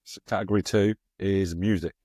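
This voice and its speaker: Casting: man, host reading pub-quiz questions, very low voice, dry close sound. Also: fairly even intonation, a little fast, warm tone, no room sound. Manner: asks quiz questions, laughs easily. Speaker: podcast host running a quiz. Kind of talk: casual chat.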